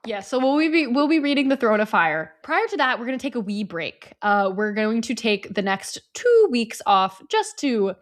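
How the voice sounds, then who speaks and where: A woman co-hosting a podcast in casual chat, playful and quick to laugh. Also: a little high, big pitch swings. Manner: playful, giggly, bubbly. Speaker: podcast co-host.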